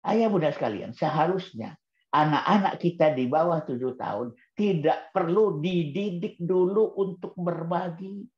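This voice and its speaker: A man's voice: a little high, a little slow, a little mellow. Man giving a roomy, muffled parenting talk. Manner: rhetorical questions answered aloud; repeats key words for emphasis. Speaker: Islamic parenting speaker. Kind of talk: book-review talk to parents. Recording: roomy dull-sounding recording.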